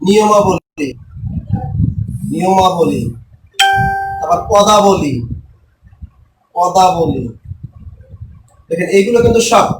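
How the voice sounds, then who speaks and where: Male tutor, high voice, drilling spelling rules; roomy, distant recording. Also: background noise. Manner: repeats and spells out words slowly, asks and answers himself. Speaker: teacher. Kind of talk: spelling lesson for exam takers.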